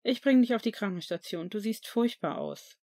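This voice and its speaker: A woman's voice: a little high, moderate pace, darkish tone, lightly acted. Caring teen boy wizard, earnest and plain; woman reader's own voice.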